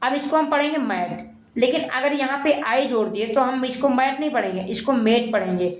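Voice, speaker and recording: A woman's voice: high-pitched, moderate pace, roomy sound, poor audio. A woman teaching pronunciation, spelling words letter by letter and drilling the sounds, often addressing her listeners as friends. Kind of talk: pronunciation lesson.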